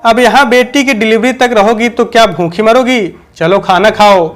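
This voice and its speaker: A man's voice: high voice, normal speed, close to an everyday voice. A man voicing a stubborn, bossy village mother-in-law in a storybook reading, curt and commanding.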